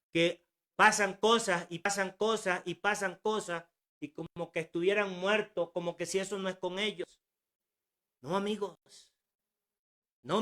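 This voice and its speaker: A man's voice: high voice, bright, forceful tone. A man in his sixties preaching a sermon at home, earnest and exhorting, with rhetorical questions and repetition. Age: 60s.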